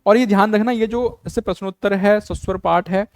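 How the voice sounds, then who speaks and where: A man's voice: high voice, fairly even intonation, brisk, no room sound, clean studio sound. A man teaching an exam-prep class, casually mixing English words in and asking the class rhetorical questions as he repeats the key terms. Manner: casual, mixes English words into his speech.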